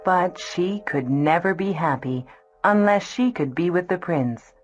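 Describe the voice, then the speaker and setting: A woman narrating a children's storybook in a slow, gentle, clear reading. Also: on the low side. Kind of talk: scripted storybook narration for kids. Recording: dull lo-fi with soft music.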